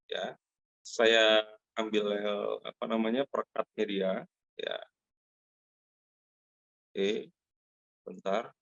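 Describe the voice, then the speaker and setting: A middle-aged man speaks over a muffled, lo-fi video call. The room sounds dry and close. He tells a personal story in a lively way and stops often for fillers and asides to his friends. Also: mid-range voice, no room sound. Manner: animated storyteller, addresses listeners as friends, many fillers. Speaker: Zoom meeting host giving a product testimonial. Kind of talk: casual spoken testimonial to an online group.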